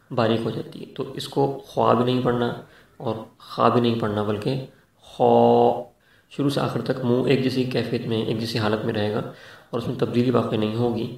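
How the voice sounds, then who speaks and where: A man teaching Quran pronunciation, explaining each letter and drawing out the sounds slowly and carefully. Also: mid-range voice, vocal fry. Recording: echoey room, distant from mic.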